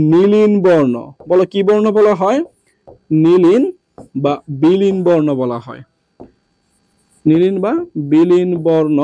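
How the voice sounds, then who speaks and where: A man from Bangladesh teaching a classroom lesson, asking questions and answering them himself in a lower voice, drilling through repetition. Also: mellow, dry recording.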